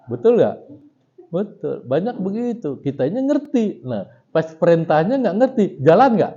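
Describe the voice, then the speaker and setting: A middle-aged man leads a religious study lecture, chanting classical Arabic lines slowly before explaining them in relaxed, chatty speech. His voice is mellow and rather high, with lively rises and falls. The recording sounds dull and lo-fi. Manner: chants Arabic text slowly, then explains casually with chuckles. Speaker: Islamic scholar teaching a religious text.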